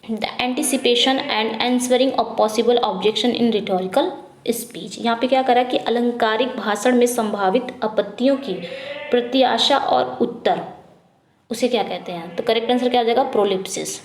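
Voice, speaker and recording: Woman teacher going over exam questions, slow reading then fast explaining, kinda high voice, echoey room. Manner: reads English questions slowly, explains quickly in Hindi; repetitive drilling, asks then answers herself. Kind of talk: Hindi-English exam prep lesson.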